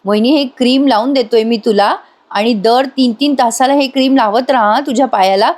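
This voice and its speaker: A woman voicing a calm, caring young doctor who explains slowly and gently. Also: on the high side, natural voice. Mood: gentle.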